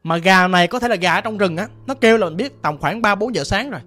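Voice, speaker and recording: A ghost story narrator with a Southern Vietnamese accent, telling the tale in a lively, colloquial and dramatic way. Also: mid-range voice, fast. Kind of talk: oral storytelling.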